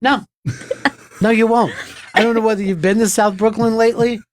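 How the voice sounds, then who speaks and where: A man's voice: sits high, level tone, fairly quick, slight background noise. A man hosting a radio show, teasing his co-hosts with plenty of laughter and reading out listener comments. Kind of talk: casual studio banter.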